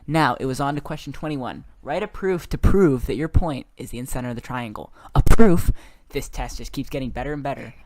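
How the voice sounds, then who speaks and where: A man's voice: medium pitch, a little fast, few pauses, a little mellow, dry recording. Giggling man reading his own story. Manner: giggly, breaks into laughter while reading. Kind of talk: reading a story aloud with commentary.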